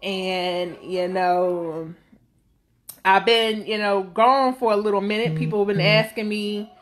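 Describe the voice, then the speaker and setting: A woman's voice: mid-range voice, steady tone, takes it slowly. A woman in her thirties talking casually to camera as a vlogger, rambling and outspoken, filling her talk with fillers. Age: 30s. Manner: blunt and outspoken.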